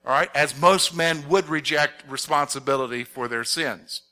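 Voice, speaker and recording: A man teaching a Bible passage as a pastor, animated and posing fill-in-the-blank questions to his listeners. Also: a little high, normal speed. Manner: animated, asks the audience to fill in words. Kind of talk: expository sermon with audience questions.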